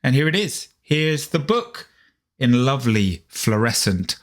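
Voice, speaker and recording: A middle-aged British man gives children a friendly, chatty drawing lesson, encouraging them and calling them guys. He is a drawing tutor and author for kids, and his medium-pitched voice is sing-song and a little slow.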